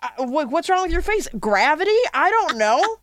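Wry young woman, slightly high voice. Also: sing-song, fairly bright tone, no echo, clean studio sound. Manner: wry, halting, swears casually. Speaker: podcast co-host. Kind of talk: casual chat.

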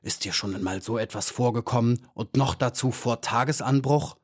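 A man voicing a stern male guard bee who speaks in a rough, commanding way. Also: medium pitch, moderate pace, natural voice.

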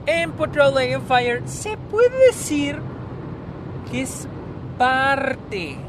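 High-voiced northern Mexican man over car noise. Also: very animated, drawn-out words. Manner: informal and slangy, swearing freely. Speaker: podcast host. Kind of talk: casual solo podcast monologue about films. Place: inside a car driving on a highway. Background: vehicle and road noise.

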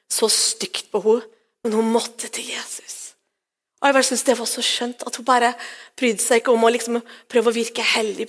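A woman pastor giving a sermon in a church service, retelling scripture in a personal, conversational way. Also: a little high. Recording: long hall reverb.

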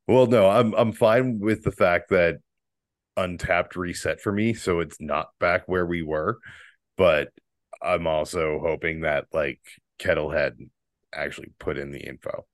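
Deep-voiced laid-back man, dry sound. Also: fairly even intonation, a little slow, no room sound. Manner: laid-back, swears a lot, laughs easily. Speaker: podcast co-host. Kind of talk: casual chat over beers. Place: borrowed house, indoors.

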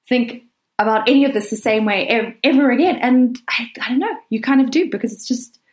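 A woman writer with a South African accent and fairly high-pitched voice speaks earnestly and emphatically as an interview guest in a conversational setting. She often hedges with "you know" and "kind of," and the sound is roomy and echoey.

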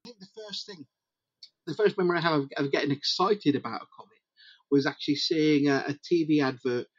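A middle-aged man from Britain chatting as an interview guest, halting and repeating words as he goes. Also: fairly high pitch, breathy edge, dry recording, lo-fi sound. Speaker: podcast guest, comics publisher. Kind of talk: casual interview chat.

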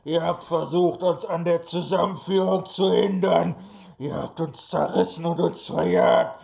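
A man voicing a gloating alien conqueror who booms out slow threats in an improvised audio play. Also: vocal fry, a little mellow. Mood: menacing. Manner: slow, booming, gloating laughter.

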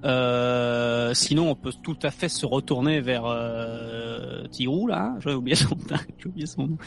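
A man's voice: mid-range voice, unhurried, gravelly, a little hiss or hum. A man playing a tabletop role-playing game, hesitant and full of fillers, laughing easily. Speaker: player. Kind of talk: casual play chat.

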